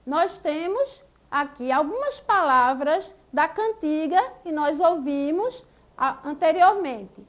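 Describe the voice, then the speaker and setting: A woman's voice: high voice, lively intonation, slow. A Brazilian woman teaching a school lesson, patiently stretching out example words syllable by syllable. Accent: Brazilian Portuguese.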